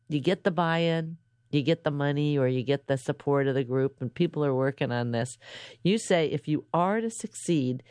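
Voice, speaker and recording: A woman's voice: sits low, darkish tone, no echo, studio quality. A woman hosting a radio interview, reading polished introductions and asking questions. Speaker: radio show host.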